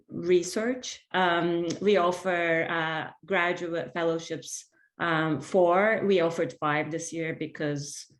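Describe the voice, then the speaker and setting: A woman co-hosting an online event with an informal introduction, hesitant and often rephrasing herself. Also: on the low side. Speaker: research center representative, event co-host. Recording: roomy, echoing video call audio.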